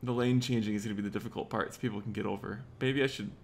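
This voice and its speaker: This livestreamer talks fast in a lowish, steady, gravelly voice with a darkish tone, hiccuping as he plans roads in a city-building game. He mutters to himself and addresses chat in easy commentary, with a slight hiss or hum behind him.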